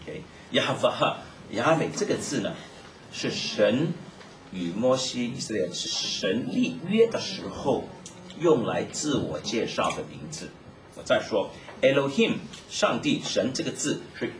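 A man preaching a Bible teaching sermon, explaining in a lively way and mixing in English terms. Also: mid-range voice, a little slow. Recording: echoey, distant mic, noisy room.

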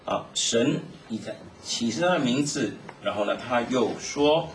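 A man preaching a Bible teaching sermon, explaining in a lively way and mixing in English terms. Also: medium pitch, a little slow. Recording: echoey, distant mic, noisy room.

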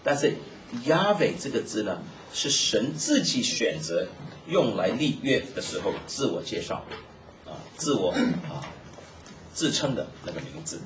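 A man preaching a Bible teaching sermon, explaining in a lively way and mixing in English terms. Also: on the low side, a little slow. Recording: echoey, distant mic, noisy room.

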